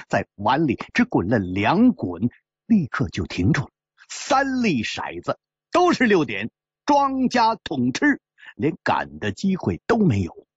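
A man narrating a traditional storytelling piece in a measured, dramatic manner. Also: mid-range voice, slightly rough, no echo, muffled recording.

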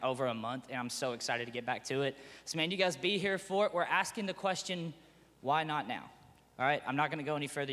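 An excitable man rattles through church announcements in a chatty, upbeat way. His mid-range voice rings out with a long echo from a big church hall. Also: medium pitch. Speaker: church pastor. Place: church sanctuary.

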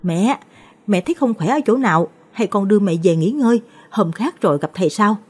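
A woman voicing an anxious, dutiful young daughter-in-law who speaks gently and with worry. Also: medium pitch, animated, fairly quick, slightly rough, voice pushed up. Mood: worried. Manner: worried and gentle.

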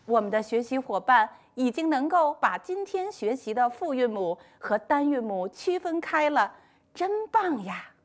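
A woman teaching a first-grade class in a scripted online lesson, speaking slowly in a sing-song, encouraging way. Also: sits high, big pitch swings. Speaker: primary school teacher.

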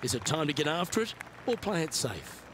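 A man's voice: a little high, big pitch swings, fairly quick, a loud crowd. A man working as a golf commentator, giving play-by-play of the round.

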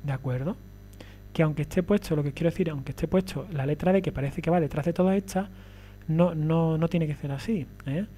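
A man's voice: fairly high pitch, a little fast, mellow, slight background noise. A man giving a recorded lecture, explaining step by step and often checking that listeners follow.

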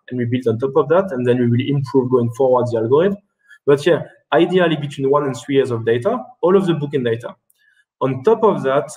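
A man in his thirties, a keynote speaker, gives a business presentation over a video call from an indoor room and fields questions, speaking haltingly with frequent restarts and fillers. His voice is medium in pitch with a darkish tone, and the audio quality is poor.

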